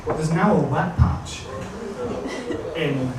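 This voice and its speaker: A young male stand-up rambles through a self-mocking tale in a fairly high voice. The sound comes from far back in a very echoey club, with loud background noise. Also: takes it slowly, a loud crowd. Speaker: stand-up comedian. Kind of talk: stand-up storytelling. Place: comedy club stage. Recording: echoey venue, distant mic, noisy.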